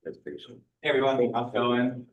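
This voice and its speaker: A man's voice: mid-range voice, level tone, normal speed, dull audio. A young man in his twenties, a law student, introducing himself in a casual, friendly way. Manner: friendly, casual, many fillers. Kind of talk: self-introduction at a public meeting. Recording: echoey room, mic far off.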